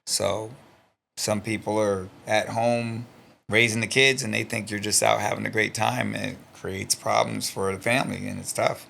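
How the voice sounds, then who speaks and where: A man's voice: lowish voice, level tone, normal speed, vocal fry, pushed and bright, a little hiss or hum. A middle-aged man, a stunt performer being interviewed, who reads from an old journal and then talks about it in a blunt, earnest and emotional way, swearing freely. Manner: emotional, close to tears.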